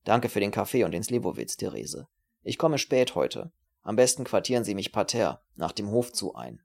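A man voicing a terse, grim male refugee, speaking a bit lower than his narration, with a dry clipped manner. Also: very animated, moderate pace, creaky, full character voice. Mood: calm, firm.

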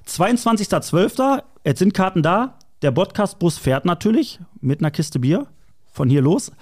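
A man's voice: high voice, big pitch swings, normal speed, darkish tone. A man co-hosting a podcast in casual chat, teasing and joking. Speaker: podcast co-host.

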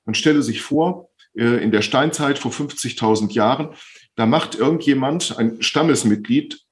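A man who works as a speech therapist, calmly and patiently explaining as a podcast guest, often repeating phrases to stress them. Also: mid-range voice, moderate pace. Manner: calm, patient explaining with frequent repetitions.

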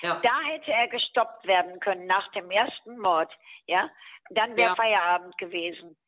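A woman's voice: medium pitch, normal speed, no room sound. Older woman on a tinny phone line. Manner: blunt, chatty storyteller with many fillers and tag questions. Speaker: interview guest, mother. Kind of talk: recounting memories in a podcast interview.

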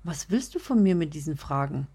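A woman's voice: low-pitched, animated, fairly quick, mellow, husky. A woman reading a story aloud, voicing a hungry, irritable young woman who answers curtly. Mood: irritated. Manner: snappish, curt. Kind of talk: audiobook reading.

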